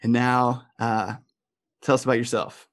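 A man's voice: medium pitch, level tone, unhurried. A man hosting a podcast, talking casually and conversationally with his guest. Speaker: podcast host.

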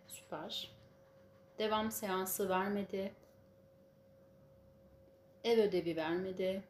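A woman with a medium-pitched voice leads a spiritual healing session of guided meditation and prayer, giving instructions and blessings in measured, solemn phrases. The room is echoey, with faint background noise.

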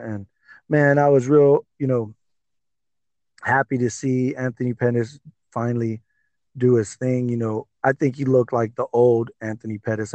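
A man co-hosting a podcast, chatting casually about fights in an excitable, rambling way with many fillers. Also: medium pitch, dry recording. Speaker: podcast co-host. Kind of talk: casual sports chat.

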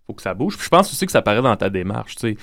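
A man's voice: lowish voice, sing-song, very fast, gravelly, fairly bright tone. A man, co-hosting a casual podcast and talking thoughtfully, sometimes unsure and searching for words.

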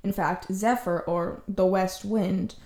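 A woman's voice: mid-range voice, steady tone, slow, a little mellow, reverberant. A woman hosting a podcast with casual, chatty comedic storytelling and wry, playful asides, recorded in an empty room. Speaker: podcast host. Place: indoors, empty room in a new home.

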